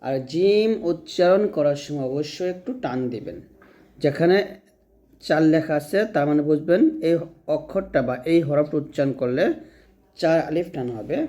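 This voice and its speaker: A patient male teacher with a slightly high voice. He talks through how each sound is made, step by step. He says every sound again, slowly and clearly. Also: lively intonation, dark tone. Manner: patient, repeats each letter slowly for learners to follow. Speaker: Quran recitation teacher. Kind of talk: step-by-step pronunciation lesson.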